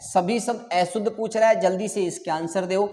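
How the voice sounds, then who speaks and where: A man's voice: high-pitched, fairly even intonation, moderate pace, mellow, in a large hall. A male teacher giving an online exam-prep lesson, repeating answers and quizzing his students again and again.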